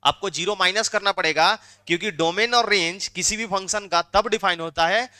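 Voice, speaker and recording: Bright, high-pitched math teacher. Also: male voice, normal speed. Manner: prods students for answers, repeats questions. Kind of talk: interactive classroom lecture.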